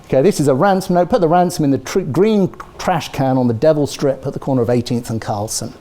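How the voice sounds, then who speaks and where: This British lecturer, middle-aged and from Britain, talks fast with a fairly high pitch. Animated throughout, he checks in with "okay?" and "yeah?" while a lapel mic records him in a large lecture theatre. His accent is British English.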